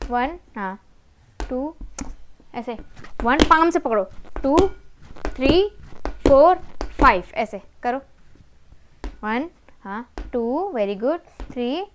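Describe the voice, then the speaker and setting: High-pitched woman slowly coaching a child. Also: a little hiss or hum. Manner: patient, repetitive counting and prompting. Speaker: mother doing therapy exercises with her child. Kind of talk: coaching a child through play.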